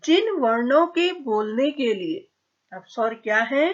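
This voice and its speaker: A woman's voice: on the high side, animated, unhurried, muffled recording. A woman teacher giving a grammar lesson, patiently asking questions and answering them herself. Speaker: school teacher.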